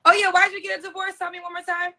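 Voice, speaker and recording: High, bright-voiced woman quizzing a guest. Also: flat delivery. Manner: brisk questioning, repeats the answers back. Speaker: host of a live dating interview. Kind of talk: live-stream interview.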